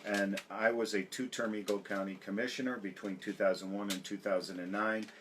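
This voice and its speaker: A man's voice: fairly low pitch, fairly even intonation, brisk, a bit bright, a little hiss or hum. An American man speaking emphatically as a political candidate in an interview, listing grievances. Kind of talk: campaign interview.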